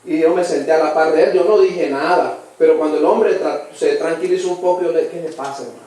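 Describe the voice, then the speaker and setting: A Salvadoran man preaching in a high, earnest voice, pressing each point home and calling his hearers brother. He sounds distant from the microphone, and his words ring through a strongly echoing church. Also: fairly even intonation, fairly quick, dark tone. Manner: addresses listeners as brother constantly, earnest and emphatic. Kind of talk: sermon. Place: church hall. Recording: very echoey church, voice from far off the mic.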